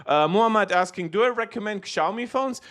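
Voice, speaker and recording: Young moldovan guy streaming tech talk, kinda high-pitched, rambles with lots of "like" and "uh". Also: a little fast, a bit bright. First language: Russian. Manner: rambling, self-correcting, frequent "like" and "uh". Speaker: tech YouTuber. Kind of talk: live stream commentary.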